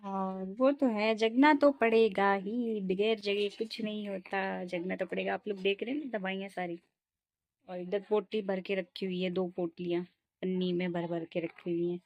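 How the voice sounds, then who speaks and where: A woman's voice: medium pitch, fairly even intonation, normal speed, a little mellow, dry recording. A young woman, a mother, talking casually to her viewers at home about her baby's nights, now and then cooing to the child. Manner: soothing sing-song coaxing to her baby. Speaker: mother vlogging her day. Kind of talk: casual home vlog talk.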